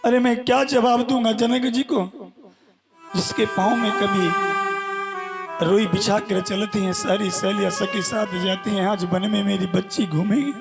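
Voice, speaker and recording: A man's voice: sits high, unhurried. A man voicing a grieving old king pleading for his daughter-in-law's return, over instrumental music. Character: grieving old king, anxious loving father-in-law.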